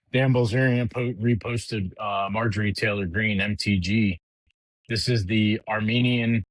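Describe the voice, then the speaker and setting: A middle-aged man with a very low, deep voice rants on his podcast. He talks bluntly and heatedly, swears freely and often restarts his sentences. The sound is dry and close, with almost no room around it. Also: a bit bright, dry recording, rough recording. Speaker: podcast host. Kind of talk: casual political rant.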